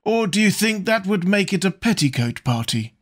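A man playing a languid, cynical gentleman who trades in epigrams, the voice lifted a little and lively in pitch. It is the measured delivery of a storybook reading. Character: witty cynical aristocratic gentleman.

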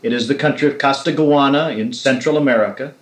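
Slightly fast and mid-range, a man's voice reverberates as he talks with an author about novels, his remarks long, winding, and thoughtfully literary. It comes from an old tape recorded in 1969.

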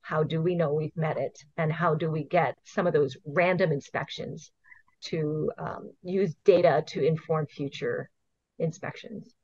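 Speaking low and with fairly even intonation, this Hawaiian woman in middle age keeps a measured pace and sounds a little mellow. She's a guest being interviewed about her work managing an invasive species program, giving casual, earnest, step-by-step answers with the occasional laugh. It's a home video call, so the sound is dull and dry, without any room sound.

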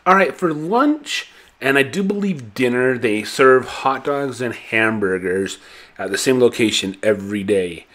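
On a rough recording with a little hiss or hum, a travel vlogger with a fairly bright, expressive, medium-pitched voice talks a little slowly. He rambles casually as he carries his camera through an indoor ship buffet.

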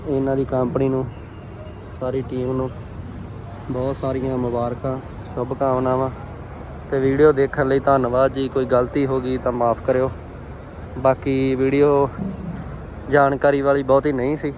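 Outdoors at a farm machinery fair, a man hosting a vlog gives casual, chummy commentary, treating viewers as friends. His mid-range voice has a darkish tone, and the rough recording carries engine and vehicle noise.

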